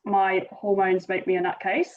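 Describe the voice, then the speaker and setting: A woman hosts a podcast in a relaxed, easy-going way, laughing as she goes and phrasing her questions loosely. Her mid-pitched voice comes through a slightly dull, lo-fi recording. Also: normal speed. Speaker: podcast host. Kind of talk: casual podcast chat. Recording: dull lo-fi sound.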